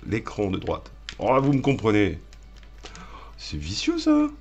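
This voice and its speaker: A man hosting a gaming video, joking and shouting at the game as he plays and talks to his viewers. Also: lowish voice, animated, unhurried, highs cut off. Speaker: gaming channel host. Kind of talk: live let's-play commentary.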